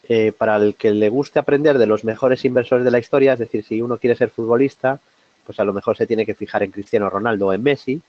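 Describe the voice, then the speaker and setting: A man from Spain with a sore throat presents a trading seminar in a halting, conversational way. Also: lowish voice, highs cut off. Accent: Spain Spanish. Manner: hesitant, many fillers and restarts, conversational. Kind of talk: live market analysis webinar.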